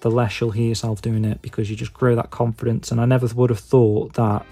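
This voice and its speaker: A man's voice: mid-range voice, level tone, a little fast, warm tone, breathy edge, faint music behind. A man with a Stoke-on-Trent English accent chatting casually to his viewers, rambling in a hesitant, self-deprecating way with lots of filler phrases. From England. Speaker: YouTube video maker and podcaster.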